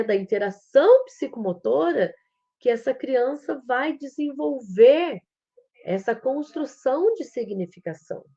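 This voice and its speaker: Speaking in a voice on the high side with a dark tone, this Brazilian Portuguese-accented psychomotricity educator delivers a live-streamed talk. She walks through ideas slowly and step by step, at times imitating a child's speech, and the recording is muffled.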